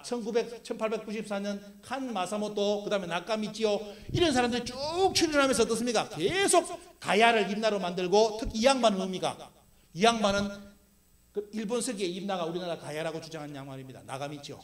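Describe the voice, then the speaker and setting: A middle-aged man giving an emphatic public history lecture with slides, constantly posing rhetorical questions and answering them himself. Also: sits high. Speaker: lecturer for a history civic group.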